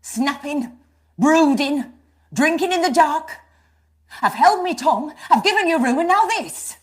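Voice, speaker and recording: An actress playing an exhausted mother who scolds her husband forcefully. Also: high-pitched, lively intonation, measured pace. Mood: angry. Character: exhausted, fierce British mother and wife.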